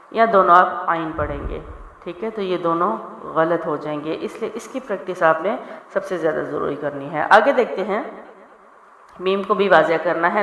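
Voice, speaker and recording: A woman's voice: lowish voice, gravelly, fairly bright tone, a little hiss or hum. Woman teaching tajweed in an echoey hall. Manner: slow, elongated syllable drills. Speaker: Quran recitation teacher. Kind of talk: tajweed lesson with drawn-out letter drills. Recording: echoey hall, dull lo-fi sound.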